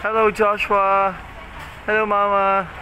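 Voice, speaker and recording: A man's voice: high voice, completely flat delivery, lo-fi sound. A man with a Filipino accent narrating a casual travel vlog at an outdoor food stall, slipping Filipino words into his English. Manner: slow, mixes in Filipino words. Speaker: vlogger filming his family. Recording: loud street and traffic noise.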